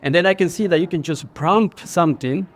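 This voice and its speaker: With a voice that sits high and moves a little fast, a man in his forties from Ecuador speaks with an Ecuadorian Spanish accent. He is the guest in a casual stage interview at a bar with a live audience, and he works as a creative director. His delivery is earnest, with lots of fillers and restarts.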